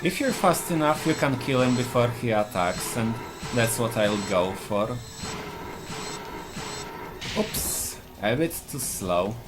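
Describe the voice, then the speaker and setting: This man, a speedrunner from Poland with a Polish accent, gives live gameplay commentary with game music behind him. His mid-range voice is animated, and he talks at a slow pace with frequent pauses while plainly laying out his tactics.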